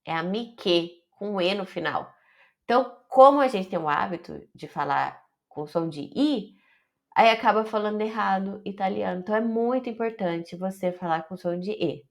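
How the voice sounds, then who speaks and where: Slow, deliberate Brazilian woman teacher. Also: mid-range voice. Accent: Brazilian Portuguese. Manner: slow, deliberate, stretches example words. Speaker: Italian teacher. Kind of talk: online language lesson.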